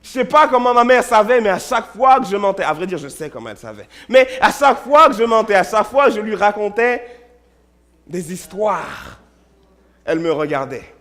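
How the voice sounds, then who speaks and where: A high-pitched man preaching in a church. He tells stories, repeats words in bursts and swings between loud and hushed delivery. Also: animated, brisk. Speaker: pastor. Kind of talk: sermon.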